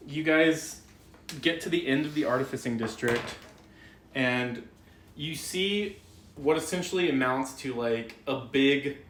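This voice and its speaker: A man running a tabletop game as game master, narrating in a loose, rambling way with lots of fillers. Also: medium pitch. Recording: echoey room with faint noise.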